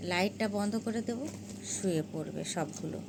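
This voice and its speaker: A woman's voice: on the low side, a little fast, creaky, very noisy. A woman talking fondly in a casual home vlog, chatting and coaxing her pets with repeated calls. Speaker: cat owner vlogger.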